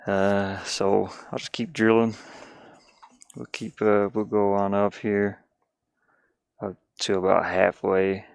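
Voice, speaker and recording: A man streaming a DIY build chats loosely as he works, muttering and meandering while he reasons through each step out loud for viewers. His voice is on the low side, creaky yet smooth, with no echo.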